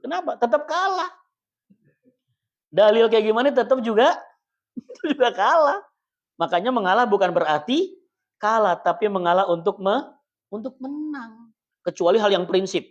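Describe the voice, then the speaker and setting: A man teaching a mosque study circle in a chatty, joking sermon style, swinging between loud and soft. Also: lo-fi sound. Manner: jokey, chatty, often laughs; wide swings in pitch and loudness. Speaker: religious teacher. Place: small prayer hall.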